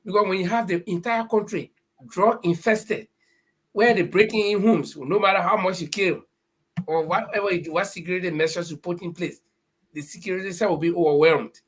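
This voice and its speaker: A middle-aged man talks in a high, husky voice. He speaks emphatically and a little preachily, stacking up warnings as he argues his point in a casual discussion. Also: a little fast.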